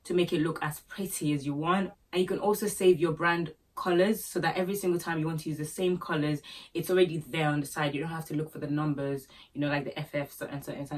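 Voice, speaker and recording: A small business owner from Nigeria vlogs to camera in a low voice and a Yoruba accent, giving business tips in a casual, joking way full of fillers. The mic sits at a distance.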